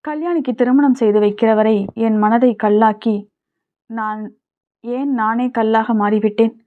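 A woman's voice: on the high side, steady tone, measured pace, lightly acted. A woman voicing a grieving, strong-willed older widowed mother in an audiobook, speaking emotionally. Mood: anguished. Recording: tinny phone-like sound.

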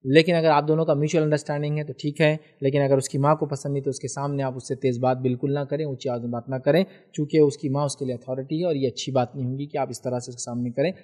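A man's voice: mid-range voice, little pitch movement, fast talker, few pauses, warm tone. A man from India answering a viewer's question in a religious talk, patiently explaining and often checking that the listener follows.

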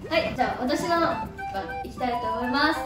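A woman's voice: high-pitched, brisk, echoey room, far from the mic, over loud music. A teenage girl in casual, playful group chat, recorded a short way from the camera in an indoor room. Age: teens. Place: small room, indoors, sofa.

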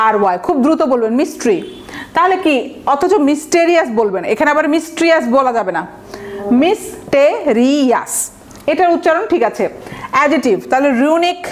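A woman from Bangladesh with a high, light voice gives a recorded vocabulary lecture for exam students. She explains each word patiently, spells it out letter by letter, and mixes English example sentences into her explanations. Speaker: vocabulary teacher.

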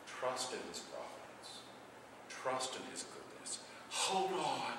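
A middle-aged man, a priest, preaching a sermon with big swings between loud passages and hushed ones. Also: medium pitch, lively intonation, slow, background noise. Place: church sanctuary. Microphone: far camera. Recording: echoey church from far off.

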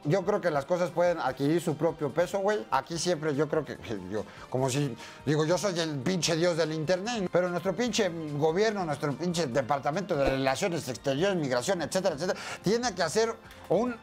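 A young man with a Mexican accent hosting a comedic news rant in a crude, profane, joking way and slipping into quick voices. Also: fairly high pitch, expressive, soft background music. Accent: Mexican Spanish. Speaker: masked comedy news host.

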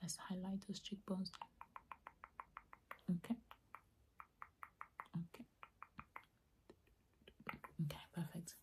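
A woman doing a fast, aggressive ASMR role-play as a makeup artist, mostly soft-spoken with rapid repeated words and slipping into soft speech. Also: on the low side, level tone, noisy background.

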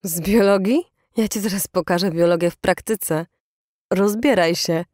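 A woman voicing an aggressive, possessive teenage boyfriend who yells and curses. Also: high-pitched, normal speed, no room sound, studio quality, close to an everyday voice. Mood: angry. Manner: yelling, cursing, bullying.

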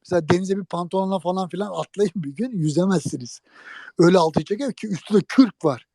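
High, gravelly man telling a story. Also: fast talker, no room sound. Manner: lively, jokey storytelling, addresses listeners directly. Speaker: guest telling an old prank story. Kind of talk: animated anecdote in an interview.

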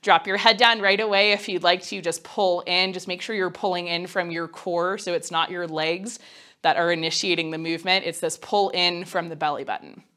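Recovering from a cold, a young woman in her twenties sounds stuffy and nasal while she demonstrates and coaches a mat pilates routine indoors at home. Her lowish voice is bright and forceful, with fairly even intonation and a moderate pace. A little breathless from the effort, she counts down while chatting encouragingly.

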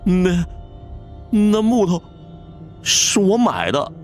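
A man's voice: sits high, very animated, measured pace, faint music behind, pitched above the performer's own voice. A man voicing a frightened young male cousin who stammers and pleads.

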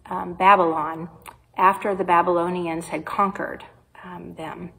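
A woman pastor with a Midwestern American accent, preaching a sermon in a slow, measured way with pauses. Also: on the low side, little pitch movement, vocal fry, sharp tone, poor audio. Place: church sanctuary.

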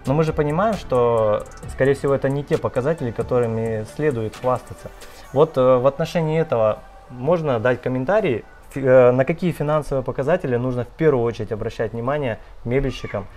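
A man's voice: medium pitch, a little fast, darkish tone, faint music behind. A man interviewing a guest, asking long conversational questions with fillers. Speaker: interviewer, channel host. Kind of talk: casual interview.

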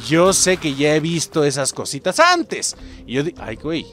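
Young Mexican gaming host, casual and chatty, voice on the higher side, lively delivery. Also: male voice, moderate pace, faint music behind. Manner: excitable, chatty, often calls out to viewers. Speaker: gaming YouTuber. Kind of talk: let's play commentary.

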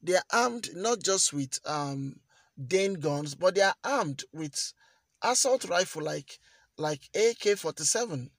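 A man's voice: high-pitched, lively intonation, measured pace, no echo. A man giving earnest news commentary as a vlogger, often repeating phrases for emphasis. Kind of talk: commentary to camera.

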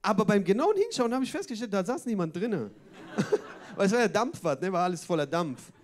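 A man's voice: sits high, sing-song, fairly quick. A man doing a stand-up comedy set on a club stage, chatty and full of wordplay and tag questions.

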